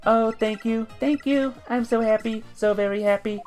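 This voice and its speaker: A woman voicing a cheerful female guide robot in a bright, singsong announcer manner, with a put-on robot voice. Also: on the high side, steady tone, normal speed, faint music behind, voice pushed up. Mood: delighted. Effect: robot voice, put on by the reader. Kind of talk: fan voice acting of a game.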